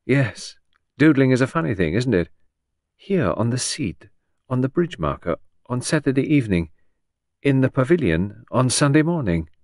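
A man voicing a fastidious middle-aged male detective, precise and probing, in an audiobook. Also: mid-range voice, very animated, darkish tone, no room sound, studio quality, voice pushed up. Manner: precise, probing, coolly insistent. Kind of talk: audiobook character voice.

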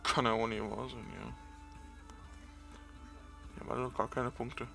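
A man's voice: mid-range voice, level tone, unhurried, gravelly, sharp tone, soft background music. A man giving casual let's play commentary, muttering and cursing at the game. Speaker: let's player.

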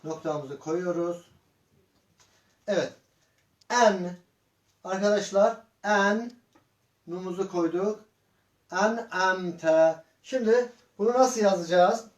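A man teaching Quran reading in a slow lesson, sounding out syllables one by one and asking his students patient questions. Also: high voice. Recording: echoey room.

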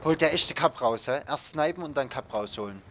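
A young man hosting his own gaming video, giving excited play-by-play of a shooter match and yelping at every hit. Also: mid-range voice, a little fast. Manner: yelps and groans at the game, shouting in bursts. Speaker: gaming channel host. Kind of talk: excited Call of Duty commentary. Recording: loud background game noise.

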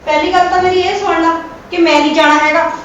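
Sharp-tongued woman, very high voice, echoey room. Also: steady tone, fast talker. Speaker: wife in a comedy sketch. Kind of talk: Punjabi family comedy sketch.

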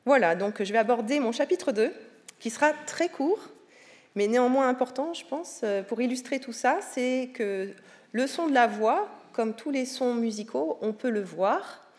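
A woman's voice: a little high, lively intonation, normal speed, darkish tone. A woman giving a public science lecture on the voice, explaining patiently with many hesitations. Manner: explanatory, with frequent hesitations and fillers. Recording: reverberant lecture hall.

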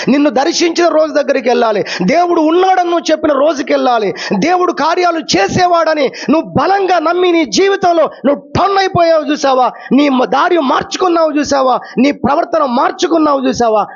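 Preacher, male, very high voice, repetitive rousing delivery, dull lo-fi sermon recording. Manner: repetitive preaching with rising exclamations. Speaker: pastor.

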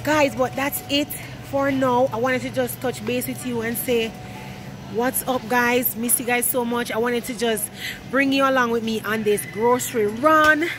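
A young woman from Jamaica talks casually to her viewers while shopping, her accent strong and her voice a touch high. She chats and laughs as she walks, with the phone held at arm's length. Store noise stays clearly audible behind her. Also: fairly even intonation, moderate pace. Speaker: vlogger. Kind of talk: casual vlog chat. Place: large indoor supermarket. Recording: loud store background noise.

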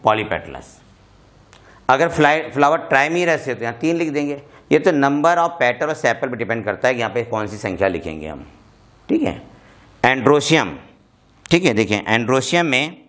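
A male biology teacher lecturing at a slow, measured pace. He dictates formulas term by term, then checks his students by asking the same question again and again. His pitch sits in a middle register. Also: fairly bright tone. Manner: repeats terms and quizzes students with questions.

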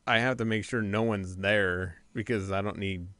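A man's voice: lowish voice, steady tone, normal speed, a bit bright, no echo. A man hosting a casual gaming podcast, rambling and trailing off as he talks. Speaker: podcast host. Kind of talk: casual chat.

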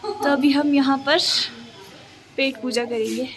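A young woman from India vlogs on a handheld camera, chatting casually to her viewers as if they were friends. Her voice is high-pitched and fairly even, a little slow, with crowd noise around her. She narrates her travels outdoors, in cafes, in shops and on a bus.

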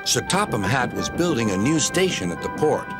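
A man narrating a children's train story in a gentle, expressive storytelling manner. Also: mid-range voice, moderate pace. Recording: narration over music.

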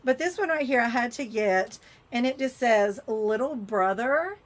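Her voice sits a little high and is expressive, moving at a measured pace. She's a vlogger chatting through a shopping haul, letting out exclamations and mutters as she opens and fiddles with her purchases.

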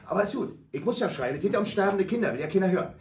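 Loud, dramatic man. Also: high-pitched, lively intonation, very fast. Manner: loud, dramatic, acts out scenes for listeners. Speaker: anti-bullying speaker visiting schools. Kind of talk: emphatic storytelling in a radio talk.

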